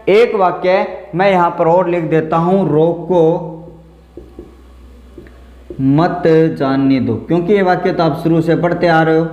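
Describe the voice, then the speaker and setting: Guy teaching grammar for an exam, higher voice, keeps asking and answering himself, roomy echo. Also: darkish tone. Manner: explains step by step, repeats example phrases, asks and answers his own questions. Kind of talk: exam-prep grammar lesson.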